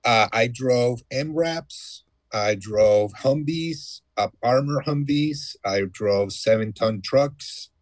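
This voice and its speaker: A man in his mid-thirties, a guest telling his story in a relaxed, matter-of-fact way in a casual conversation. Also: mid-range voice, takes it slowly, few pauses, no room sound. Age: 30s. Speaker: guest, former Marine.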